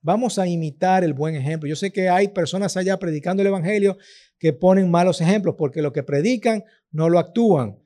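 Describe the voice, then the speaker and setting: A man's voice: high-pitched, a little fast, mellow. A man, preaching a sermon in an earnest, emphatic way and often checking in with his listeners. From Dominican Republic.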